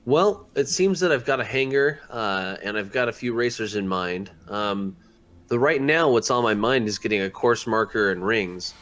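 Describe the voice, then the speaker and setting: A man's voice: fairly low pitch, expressive, normal speed, fairly bright tone. A man speaking in character as a player in a tabletop role-playing game, hesitant and full of fillers.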